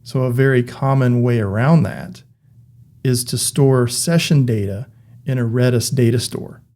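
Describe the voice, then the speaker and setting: Male course instructor, mid-pitch voice, clear even explaining, dry humor. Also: measured pace. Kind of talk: recorded tech lecture.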